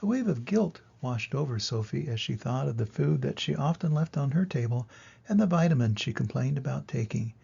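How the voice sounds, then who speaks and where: Older male storyteller, grandpa voice: gravelly, warm dark tone, expressive children's book reading. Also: medium pitch, fairly quick, lo-fi sound. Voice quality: gravelly, husky. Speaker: storybook reader. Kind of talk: children's storybook narration, read aloud.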